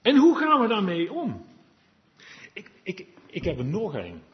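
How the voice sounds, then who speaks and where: A man's voice: sits high, wildly swooping pitch, measured pace. A man preaching a sermon, chatty and confiding, sometimes dropping to a murmur and then rising to earnest exhortation. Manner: conversational and confiding, drops to a murmur then rises to emphatic exhortation. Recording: dull lo-fi recording.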